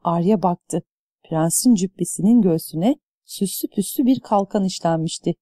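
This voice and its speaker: A woman reading an audiobook in scripted narration, with a measured, even delivery. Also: on the low side, no room sound.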